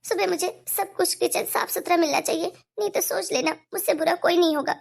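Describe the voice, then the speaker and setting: Cartoon role: sly complaining older mother-in-law, voiced by a woman, gravelly, high-pitched, theatrical whining. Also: brisk. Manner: whiny, dramatic complaining.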